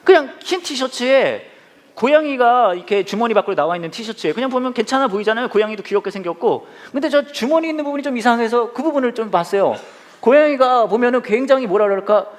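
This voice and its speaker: A man's voice: very high-pitched, quick pace. A middle-aged man preaching a humorous sermon in a church, self-mocking and acting out bits of dialogue. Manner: animated, self-mocking, acts out quoted dialogue. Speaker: pastor.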